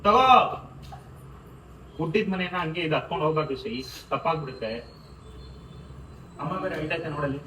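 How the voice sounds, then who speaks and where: A man in a heated family argument at home who keeps trying to calm everyone down. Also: a little high, a little fast, long pauses, far from the mic. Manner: placating, keeps urging calm. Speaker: family member in prank. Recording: roomy, off-mic, faint noise.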